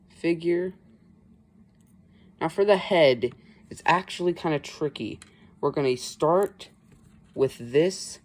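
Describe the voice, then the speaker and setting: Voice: medium pitch, darkish tone. A host talking through a casual building tutorial in a chatty, rambling way, full of "like" and "um" and restarting sentences mid-thought. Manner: chatty, rambling explanations with fillers and self-corrections. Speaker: toy building channel host.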